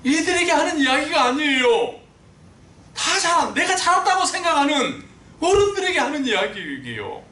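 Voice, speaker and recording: A man preaching a sermon as a pastor, telling stories with animated swings and climbing high when he quotes people. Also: normal speed. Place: church sanctuary. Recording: echoey church room, mic at a distance.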